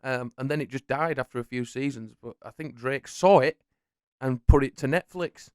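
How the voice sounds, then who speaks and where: Playful quizmaster man, smooth voice. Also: medium pitch, normal speed, no echo, clean studio sound. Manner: playful, teasing, animated quizmaster. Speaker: podcast host running a quiz. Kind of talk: casual banter.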